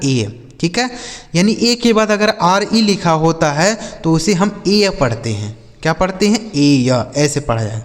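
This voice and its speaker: A man's voice: sits high, big-room sound. A man teaching English pronunciation in Hindi, patiently going step by step and asking himself questions that he then answers. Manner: repeats rhetorical questions and answers them himself; addresses viewers as friends, patient step-by-step explaining. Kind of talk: Hindi-language pronunciation lesson.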